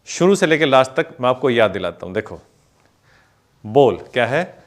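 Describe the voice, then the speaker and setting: A man teaching an online dance class, talking through the steps slowly and calling out the counts over the music. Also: medium pitch, very animated. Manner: explains steps slowly, chatty asides. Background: music playing.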